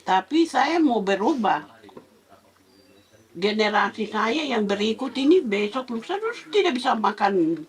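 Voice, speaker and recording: A woman's voice: on the high side, sing-song, a little slow, breathy edge. A woman from Papua, a farmer speaking bluntly in a casual interview, with a Papuan Indonesian accent. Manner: blunt, plain-spoken complaints.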